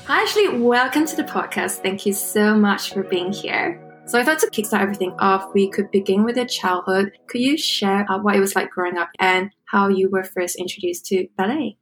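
A woman hosting and producing a podcast, candid and friendly, asking gentle open questions. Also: medium pitch, normal speed, few pauses, faint music behind.

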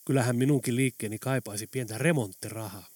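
A man voicing a cautious middle-aged male shopkeeper who speaks quietly and hesitantly. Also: medium pitch, dry recording, close to an everyday voice.

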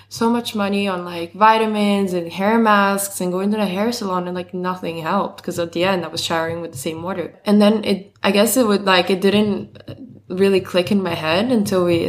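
A young woman guest chatting casually in an interview, with a lot of "like" fillers. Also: on the low side. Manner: chatty, heavy use of "like" fillers. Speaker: guest, company co-founder.

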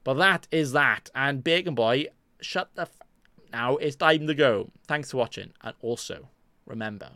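A man's voice: medium pitch, moderate pace, sharp tone, no echo, clean studio sound. A young man hosting his own podcast, rambling in casual chat and joking at his own expense with many restarts. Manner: self-mocking, jokey, rambling with restarts. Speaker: podcast host. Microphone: desk mic in front of a green screen.

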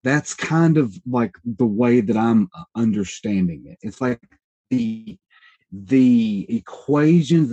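A man's voice: medium pitch, mellow, no room sound, highs cut off. A man in his thirties, a podcast guest, explaining ideas in a rambling, self-correcting way, hedging as he thinks aloud. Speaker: podcast guest, independent researcher. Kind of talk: casual explanatory interview talk.

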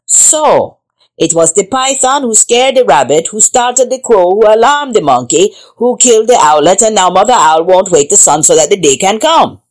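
Woman playing a commanding, animated lion king. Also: mid-range voice, moderate pace, close to an everyday voice, rough recording. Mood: stern, accusing. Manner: declamatory, insistent, accusing. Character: commanding male lion king presiding over animal council.

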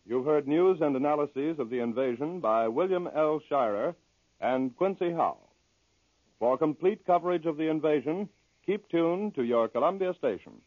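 A man announcing in the formal, measured style of a 1940s network radio broadcast, heard as an old-time radio recording. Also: fairly high pitch, animated, dry recording, narrow, tinny audio. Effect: old-time radio broadcast sound.

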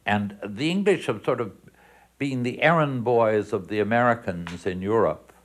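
A man's voice: lowish voice, moderate pace. A man speaking in an interview in a reflective, musing way, often saying "you know" and restarting his phrases. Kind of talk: interview commentary.

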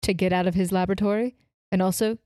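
A woman's voice: mid-range voice, fairly even intonation, fast talker, dark tone, no room sound, studio quality. A woman playing a tabletop game, making plans and directing the group. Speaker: player. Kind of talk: casual tabletop play.

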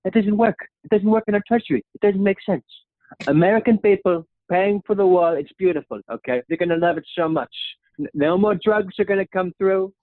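A young man speaks briskly in a natural voice, impersonating a boastful, rambling male president who praises himself and keeps finishing lines with a descending "okay?". There's no room sound in this comedy sketch, but the recording is tinny, like a phone.

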